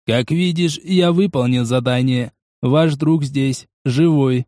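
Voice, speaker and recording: A man reading a metallic robot, flat and impassive. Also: mid-range voice, slow, no echo, studio quality, lightly acted. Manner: flat, unemotional delivery. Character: battered male combat robot, impassive and literal. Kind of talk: audiobook narration.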